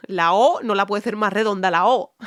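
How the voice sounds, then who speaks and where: An enthusiastic woman with a medium-pitched voice, herself a singer, reacts casually to a music video and comments on the singer's technique. She repeats phrases for emphasis and hums or sings short bits along with the song.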